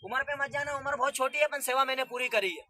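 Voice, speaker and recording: Male street magician; high-pitched, piercing, bossy show patter to a crowd. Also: quick pace, a little hiss or hum. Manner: loud, commanding, coaxing the crowd.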